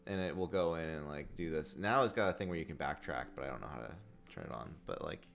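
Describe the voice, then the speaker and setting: Deep-voiced man gushing about tools. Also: fast, gravelly, a bit bright, soft background music. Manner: enthusiastic, swears casually, laughs often. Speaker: software developer chatting on a call. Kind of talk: casual chat.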